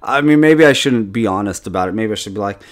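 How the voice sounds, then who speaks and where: A man's voice: on the low side, expressive, fast. A man giving casual, self-critical commentary on his own gameplay as a channel host, thinking aloud with restarts and chuckles.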